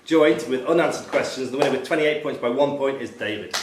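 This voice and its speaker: Speaking a little fast at medium pitch, a man hosts a pub-style quiz in a club room, announcing questions and scores to the crowd. The recording is echoey and faintly noisy, taken from a distant mic.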